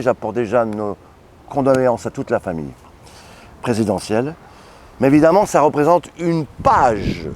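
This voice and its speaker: A man's voice: mid-range voice, darkish tone, slight background noise. A middle-aged man from France, a bishop giving emphatic, repetitive preacher-style commentary in an interview.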